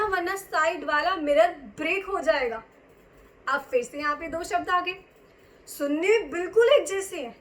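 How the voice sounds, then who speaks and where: A young woman teaching English to viewers, chatting and asking them questions, then dictating example sentences slowly and carefully. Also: sits high, fairly bright tone, slight background noise, low-quality recording. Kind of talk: bilingual language lesson.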